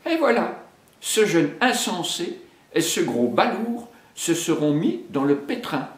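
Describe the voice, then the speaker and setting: Un homme qui joue une panthère noire femelle, vaniteuse et autoritaire, au ton hautain et grondeur, dans un conte pour enfants. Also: male voice, high voice, sing-song, measured pace, far from the mic, voice pushed up. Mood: haughty scolding. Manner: haughty and scolding. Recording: echoey room.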